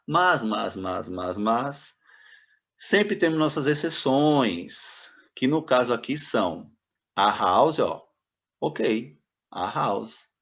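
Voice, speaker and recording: A man's voice: medium pitch, a bit bright. A man teaching English grammar, patiently repeating example words and asking the viewer rhetorical questions. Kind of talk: classroom explanation of grammar. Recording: dull, slightly lo-fi sound.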